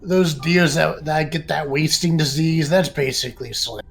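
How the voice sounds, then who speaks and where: Male tabletop player, pitch a touch high, casual and hesitant in role-play. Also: normal speed, creaky, heavy background noise.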